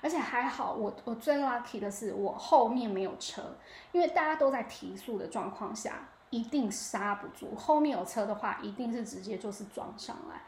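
A young woman with a Taiwanese Mandarin accent, hosting a podcast and telling a story in a lively, chatty way that keeps pulling the listener in. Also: a little high, normal speed, a little hiss or hum. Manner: animated, keeps asking the listener 你知道吗. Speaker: podcast host. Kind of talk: casual storytelling monologue. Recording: echoey room with faint ambience.

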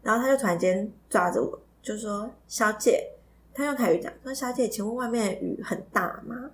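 A woman with a slightly high voice talks at a normal speed over faint background noise. She's co-hosting a podcast, telling a story in relaxed conversation, giggling and tripping over repeated words. Her first language isn't Taiwanese Hokkien.

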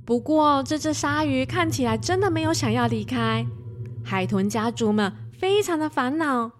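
A woman storyteller giving expressive narration of a children's tale. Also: high-pitched, moderate pace, a little hiss or hum.

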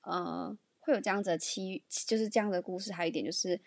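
A woman's voice: medium pitch, steady tone, quick pace, gravelly, no room sound. A young woman with a Taiwanese Mandarin accent hosting her own podcast, talking candidly and casually with plenty of fillers. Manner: chatty and candid, many fillers. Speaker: podcast host. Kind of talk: casual solo podcast chat.

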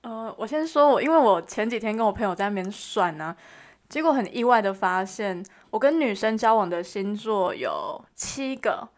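A woman's voice: mid-range voice, lively intonation, moderate pace. A woman co-host talking in a casual, conversational chat style.

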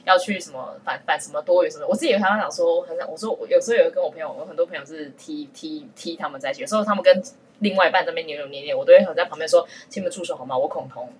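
A woman's voice: low voice, racing. A woman, a podcast guest telling stories in casual chat and often laughing.

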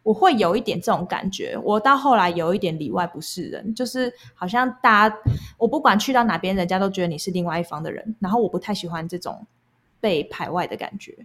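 A woman's voice: medium pitch, fairly quick, a bit bright. A young adult woman speaks with a Taiwanese accent in a mid-range voice. She tells stories casually and candidly, explaining things in an everyday conversational way. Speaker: guest recounting past jobs.

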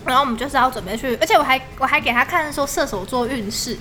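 A high, bright young woman with a Taiwanese Mandarin accent, talking fast in casual podcast chat. She tells her story with lots of laughter, her voice crisp and forward, with soft music underneath. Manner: chatty storytelling, laughing often. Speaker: podcast co-host.

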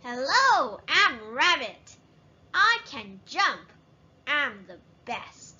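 A woman voicing a boastful little storybook rabbit with a squeaky, high voice. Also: very animated, extremely slow, sharp tone, highs cut off, heavily acted.

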